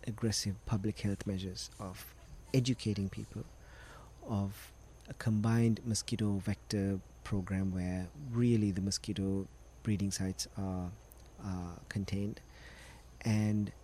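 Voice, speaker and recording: A man's voice: lowish voice, a little mellow, slight background noise. A middle-aged man from Sri Lanka, a doctor patiently explaining medical matters as a guest on a podcast interview.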